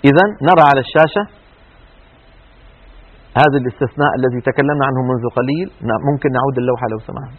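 Fast-talking man teaching recitation over tinny audio. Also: medium pitch, breathy edge. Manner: explanatory, demonstrates recitation with drawn-out sounds. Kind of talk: televised tajweed lesson.

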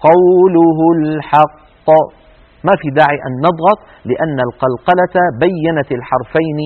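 A man teaching Quran recitation rules in a televised lesson, explaining step by step and demonstrating with drawn-out recited words. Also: on the high side, narrow, tinny audio.

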